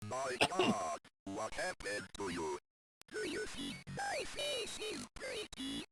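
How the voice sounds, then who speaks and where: An actor playing an eerie, taunting demon in a horror game. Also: male voice, low voice, huge pitch swings, takes it slowly, full character voice. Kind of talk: horror game character acting. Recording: loud music over the voice. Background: loud game music.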